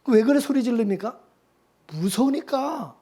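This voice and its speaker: A male pastor preaching a sermon, firing rhetorical questions at the congregation and swinging from loud urging to hushed calm. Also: extremely high pitch, normal speed, husky.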